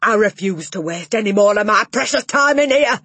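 A woman's voice: mid-range voice, lively intonation, moderate pace, husky, no room sound. A woman voicing a furious, bullying giant of a headmistress who roars at her class. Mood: furious roaring. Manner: roaring, shouting.

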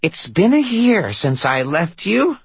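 A man voicing a malevolent young woman speaking over a mall PA system, with a dry, rasping voice. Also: sits high, sing-song, slow, pitched above the performer's own voice, exaggerated voice. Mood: menacing. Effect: echoing public address speakers.

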